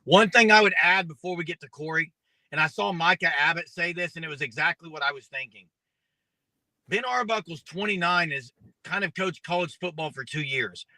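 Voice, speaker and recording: A man's voice: on the high side, fairly quick, pushed and bright, no room sound, poor audio. A man co-hosting a sports show, speaking casually and arguing his points.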